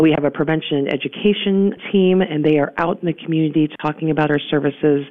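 A guest from a community survivor services center answering radio interview questions earnestly, with many "um" pauses and restarts, heard over a phone line. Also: mid-range voice, dry recording. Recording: tinny phone line, dry.

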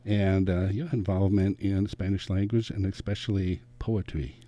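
A man's voice: low voice, steady tone, normal speed, mellow. A man hosting an interview, welcoming his guest and asking about his background, with short encouraging murmurs. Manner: brief, encouraging backchannels. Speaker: host.

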